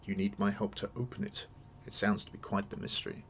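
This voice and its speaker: A man voicing a courteous older nobleman in a video game, measured and formal. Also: on the low side, fairly even intonation, slight background noise, lightly acted. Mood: businesslike. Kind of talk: read-aloud of video game dialogue.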